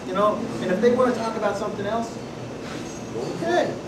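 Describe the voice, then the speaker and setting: Speaking quickly and pitched high, this Pacific Northwest man leads a membership workshop with a loud, folksy storytelling style, asking the audience questions as he goes. The meeting hall has a live crowd, and the recording is far-off, echoey, and noisy.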